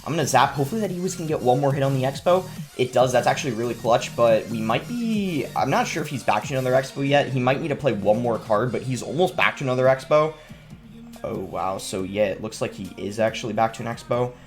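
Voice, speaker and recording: Quick-paced and easygoing, this young male streamer explains his live gameplay with lots of fillers while soft game music plays. A cold has given him a stuffy nose and sore throat, leaving his mid-pitched voice congested. He sits at a gaming desk indoors.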